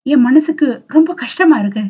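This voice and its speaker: Earnest young guy in love, pleading, kinda teary, woman doing his lines, highish, lo-fi. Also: expressive, moderate pace, warm tone. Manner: pleading, tearful.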